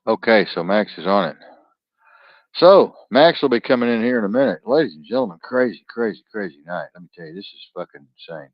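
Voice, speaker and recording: A man with a very low, deep voice hosts a live stream, tired and blunt, swearing freely as he rambles on. The sound is dry and close, with dull, lo-fi stream audio. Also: lively intonation, a little fast, no room sound. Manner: profane, blunt, restless, barks orders at his producer. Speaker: host of an online talk stream.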